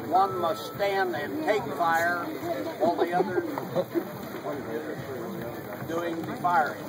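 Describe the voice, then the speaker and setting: A man narrating a historical reenactment in a formal, deliberate manner with old-fashioned phrasing, explaining things to an audience. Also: high-pitched, recorded from a distance. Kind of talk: explaining to an audience, in period character. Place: outdoors at a public event. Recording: noisy outdoor recording with loud ambient noise.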